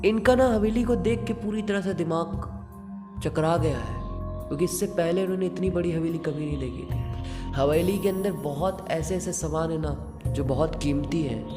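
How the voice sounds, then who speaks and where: A man's voice: a little high, moderate pace. Conversational male horror narrator. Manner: conversational, dramatic, hushed in tense moments. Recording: long reverb with background music.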